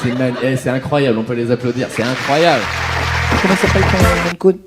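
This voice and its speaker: A man's voice: medium pitch, animated, brisk, over loud music. A male comedian improvising crowd work, bantering with the audience in a teasing, incredulous way. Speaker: stand-up comedian and host. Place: live comedy venue with audience. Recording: echoey live show, loud audience noise.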